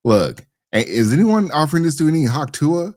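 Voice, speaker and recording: A man's voice: a little high, big pitch swings, a little fast, a little mellow, no echo, clean studio sound. A man giving casual, opinionated commentary as a co-host, slangy and rambling, often repeating his phrases. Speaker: talk show co-host.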